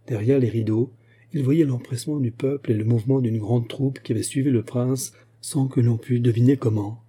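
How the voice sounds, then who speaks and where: A male audiobook narrator with a very dark, mellow tone and a husky edge. He tells the story in a measured, steady way, letting each sentence unfold calmly. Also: mid-range voice.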